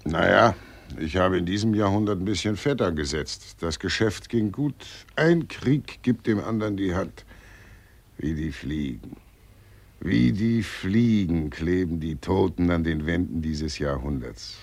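An actor playing Death as a fat, cynical undertaker who keeps belching, in a vintage radio play. He sounds sardonic and gravelly. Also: low-pitched, lively intonation, unhurried, full character voice. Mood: smug. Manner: cheerful, sardonic, belches, mocking. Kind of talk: 1940s radio acting.

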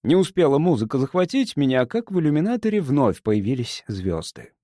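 A man reading a first-person audiobook in an expressive, dramatic way. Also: medium pitch, fairly quick, no echo. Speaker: audiobook narrator.

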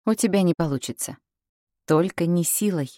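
A woman's voice: fairly low pitch, moderate pace, dark tone, no echo, lightly acted. Woman doing a stubborn young heroine, urgent, dry close sound. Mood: urgent, defiant.

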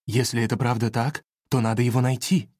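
A woman's voice: rumbling low, flat delivery, a little fast, darkish tone, no echo, clean studio sound, pitched below the performer's own voice. A woman reading a storybook aloud and voicing a carefree young male wind fairy in an easygoing way.

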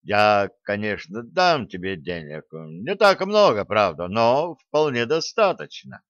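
Man reading a gruff Scottish brawler, suspicious, blunt questions, dry muffled audiobook sound. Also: medium pitch, very animated, takes it slowly, fairly bright tone, no echo, full character voice. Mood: grudging. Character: tough Scottish male fighter, suspicious and blunt.

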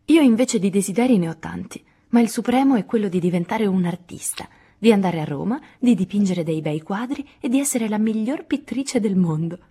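A woman's voice: mid-range voice, lively intonation, brisk, hardly any pauses, dark tone, breathy edge, voice pushed up. A woman voicing an ambitious young girl eager to become a painter, in a storybook reading.

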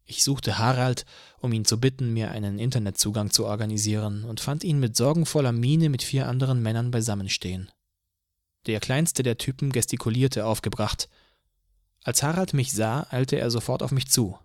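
A male audiobook narrator who tells the story in the first person, calm and measured. His voice sits at a middle pitch. The recording is dry and close, with no room sound. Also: no echo.

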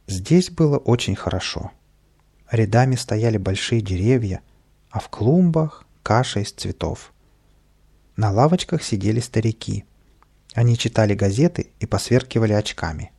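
A man narrating a children's audiobook in a lively storytelling manner. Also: fairly low pitch, creaky. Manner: lively storytelling, plays all the voices.

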